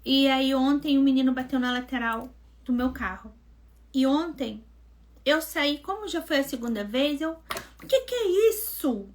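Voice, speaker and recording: A woman mentor hosting a live devotional, telling a personal testimony in a lively, conversational way and acting out what people said. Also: high-pitched, moderate pace. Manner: animated storytelling, acting out quoted dialogue; conversational, addresses listeners as gente.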